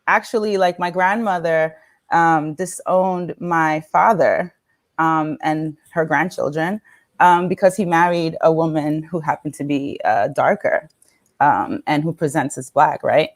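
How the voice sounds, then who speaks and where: A woman's voice: low-pitched, a little slow. A woman from the Dominican Republic, a guest on a talk show, speaking candidly and laughing often, with many fillers. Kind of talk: casual interview talk.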